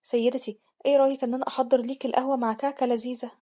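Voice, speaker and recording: Brief: woman doing an eager young maid, Egyptian accent, sweet coaxing, pitched up, quick. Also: level tone, dark tone. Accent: Egyptian Arabic.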